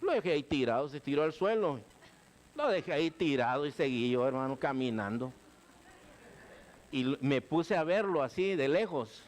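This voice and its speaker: A middle-aged male pastor, preaching a sermon with lively, conversational asides. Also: fairly high pitch, moderate pace. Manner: animated preaching, keeps saying "hermano", acts out quoted voices.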